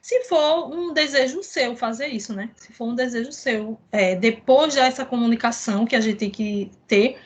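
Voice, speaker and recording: A woman's voice: fairly high pitch, normal speed, few pauses, lo-fi sound. Chatty woman host with a raised voice. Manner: rambling, with frequent tag questions. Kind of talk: casual conversation.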